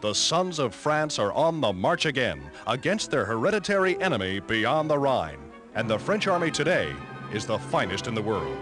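A man's voice: mid-range voice, very animated, moderate pace. A man narrating an old 1930s newsreel in a dramatic, emphatic announcer style. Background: music score.

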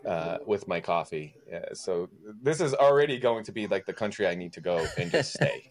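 A man's voice: deep voice, lively intonation, moderate pace. A man hosting a podcast, chatting casually and often restarting his sentences with small stammers. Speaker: podcast host.

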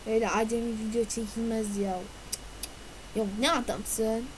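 A woman's voice: fairly high pitch, flat delivery, normal speed, slight background noise, low-quality recording. A woman hosting a let's play video, chatting to her viewers while she plays and bursting into silly noises and outbursts at the game. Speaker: gaming video host. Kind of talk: let's play gameplay commentary.

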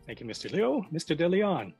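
A man's voice: fairly high pitch, big pitch swings, a little fast, vocal fry, a little mellow, soft background music. A man hosting a commemorative video call, casually calling on guests one by one. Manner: casual, friendly, calls on guests by name. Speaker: event host.

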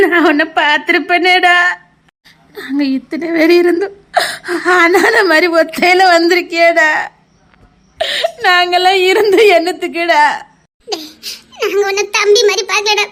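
Brief: actress as a grieving older sister with a Tirunelveli Tamil accent, wailing lament, very high bright voice. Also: female voice, steady tone, very fast. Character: grieving older sister wailing over her sick brother. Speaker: actor in a family drama. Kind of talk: weepy family drama acting.

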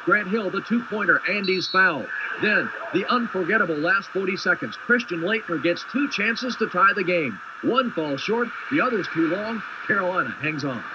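A man narrating basketball highlights as a TV sports reporter, in clipped play-by-play phrases. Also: animated, normal speed, few pauses. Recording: noisy lo-fi 1990s TV broadcast.

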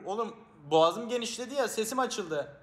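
A man chatting live with viewers in a playful, teasing way, acting as a mock teacher. He jumps between loud outbursts and low mumbling. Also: animated, moderate pace. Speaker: live streamer. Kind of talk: casual live-stream chat with viewers.

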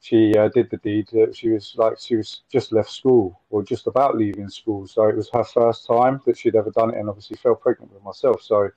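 His voice is lowish, mellow and steady in tone, and the muffled video call audio is dry with no echo. This forties-aged interview guest from Nottingham, England, speaks haltingly with repeated words and frequent fillers while telling stories in a casual interview from a room at home with window blinds.

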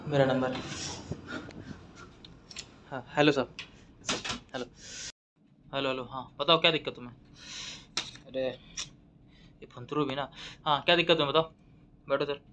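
A man acting out a comic sketch, playing a loud, exasperated doctor and his patients. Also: medium pitch, fairly even intonation, unhurried, pauses often, slight background noise. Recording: dull lo-fi sound.

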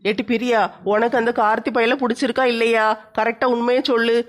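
A woman's voice: a little high, flat delivery, brisk, natural voice. A tall, bossy village woman, newly married, played by a woman. She teases and coaxes, as in a comic skit. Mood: reassuring. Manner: teasing, loud, coaxing.

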